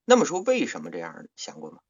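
Male livestream host. Lowish, raspy voice with a lively, swinging delivery on dull, muffled audio. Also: fast talker. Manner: relaxed, explains things at length with playful asides. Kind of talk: casual livestream chat.

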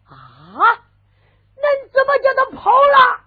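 A woman's voice: high-pitched, lively intonation, normal speed, breathy edge, exaggerated voice. A woman with a Henan accent voicing an angry, bullying male innkeeper who barks threats. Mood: furious. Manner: barking, threatening. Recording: phone-like lo-fi with faint music.

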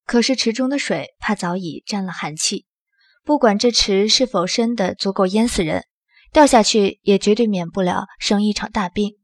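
A woman narrates an audio drama in the first person, telling the story steadily. Her mid-range voice keeps a moderate pace, and the recording is dry.

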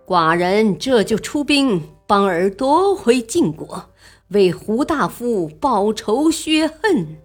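A woman voicing a mature male ruler who speaks in a measured, regal way in a storybook reading. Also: medium pitch, big pitch swings, faint music behind. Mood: resolute.

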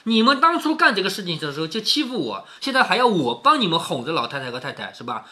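Lively man explaining a classic story. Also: high-pitched, fast talker. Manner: explains with chuckles and rhetorical questions. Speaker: father reading to his daughter. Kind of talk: storytelling reading with commentary.

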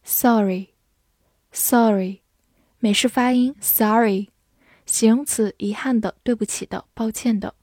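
A woman teacher leads a slow vocabulary drill, saying each English word twice before calmly reading its meanings. Her voice is fairly high and husky, captured in clean studio sound with no room echo.

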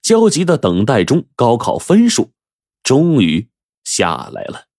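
A man narrating a story in a lively storytelling manner, drawing out sentence endings. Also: medium pitch, measured pace, no room sound, clean studio sound.

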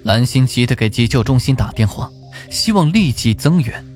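A male storyteller narrating with an expressive, suspenseful delivery, his pitch rising and falling a lot. His voice sits at a middle pitch, and soft music plays quietly behind him. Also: normal speed. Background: faint music.

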